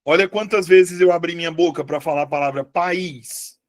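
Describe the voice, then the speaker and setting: A man teaching a live online Portuguese lesson, chatty and lively, often putting questions to his students. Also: on the high side, normal speed, no echo, studio quality.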